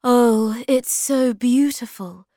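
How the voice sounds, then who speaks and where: A woman voicing a kind, gentle mother troll, speaking tenderly in a raised voice. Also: fairly high pitch, slow, no room sound, studio quality, pitched above the performer's own voice. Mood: admiring.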